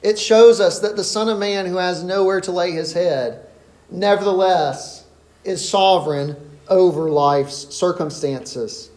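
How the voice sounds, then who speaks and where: A man's voice: high-pitched, measured pace, a little mellow, roomy sound. A man preaching an expository sermon in an earnest, emphatic way. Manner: earnest, emphatic, rises sharply when voicing the disciples.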